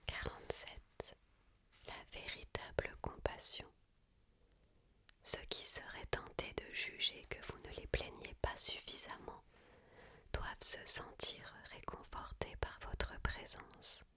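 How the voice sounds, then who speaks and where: Slow whispering woman reading aloud, ASMR. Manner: hushed, unvoiced library whisper throughout. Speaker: ASMR reader.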